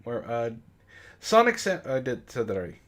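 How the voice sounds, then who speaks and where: This man's mid-range voice swings hugely in pitch while he talks at a normal pace. As host of a comedy book club, he casually reads bad fan fiction out loud and interrupts himself with amused, exasperated, profane commentary.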